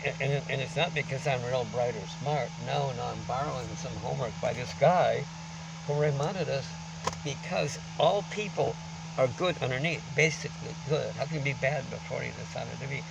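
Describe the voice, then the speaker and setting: A man talking through a face mask in a rambling, informal monologue to camera, halting but emphatic as he lectures. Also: medium pitch, gravelly, far from the mic, noisy background. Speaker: vlogger. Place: outdoors on a beach.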